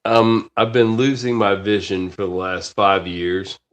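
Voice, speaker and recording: A man pushing fifty rambles through a casual podcast chat, swearing freely and tripping over his own restarts. His voice sits fairly low. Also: measured pace. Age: 40s. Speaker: podcast host.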